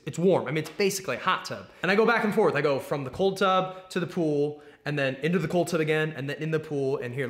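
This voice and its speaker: A man's voice: a little high, a bit bright. A man talking casually as an athlete vlogger, explaining his routine in a conversational way and stressing words by repeating them. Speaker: athlete vlogger, competitive swimmer. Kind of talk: casual explanatory vlog talk.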